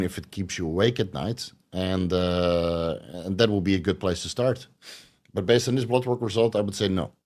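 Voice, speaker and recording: Male livestream host, low-ish voice, talky and informal, reads chat and riffs on answers from home. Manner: reads out chat questions, then explains at length with fillers. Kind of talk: casual livestream Q&A.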